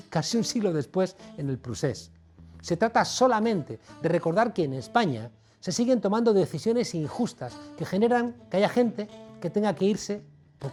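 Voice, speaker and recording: A man hosting an opinion monologue, measured and emphatic with a wry storytelling edge. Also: high-pitched, warm tone. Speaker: show host and university professor.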